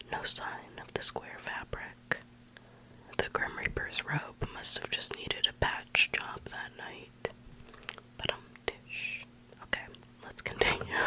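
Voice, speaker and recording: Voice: sharp tone, poor audio. Intimate close-up ASMR whisper. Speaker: ASMR host reading online stories. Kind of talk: whispered ASMR bedtime reading of spooky stories. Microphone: very close microphone.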